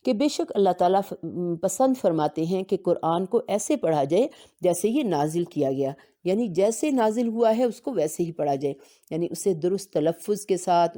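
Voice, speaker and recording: A woman teaching Quran recitation in a lowish, mellow voice. She explains at a steady pace and slows down to recite the Arabic verses with care. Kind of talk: religious lesson.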